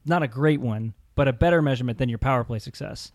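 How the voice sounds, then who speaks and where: A man's voice: mid-range voice, quick pace, darkish tone, no echo, studio quality. A man co-hosting a casual sports podcast, hedging and optimistic, with frequent hesitations. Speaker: podcast co-host.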